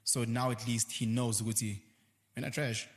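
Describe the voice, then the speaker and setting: A South African man talks animatedly as a guest, dipping into quick quoted voices as he makes his points. His voice sits at an ordinary pitch. A long reverberant tail hangs on every word. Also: little pitch movement. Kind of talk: casual conversation.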